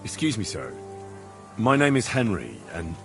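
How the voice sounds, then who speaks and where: An actor playing a polite, earnest young adventurer in a video game, courteous and conciliatory. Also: male voice, on the low side, big pitch swings, normal speed, soft background music. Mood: polite, hesitant. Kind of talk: video game dialogue acting.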